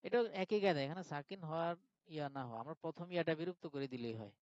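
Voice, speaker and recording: A man's voice: on the high side, lively intonation, very fast, a little mellow, no room sound. Man teaching, muffled dry online audio. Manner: patient step-by-step explaining, checks in with students. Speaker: Arabic grammar teacher. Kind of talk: live online class lecture.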